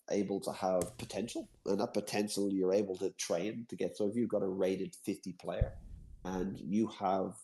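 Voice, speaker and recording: An Irishman goes on at length about a game during a relaxed video call, circling back to the same points and chuckling at his slips. His voice is low and dark, captured in a low-quality recording.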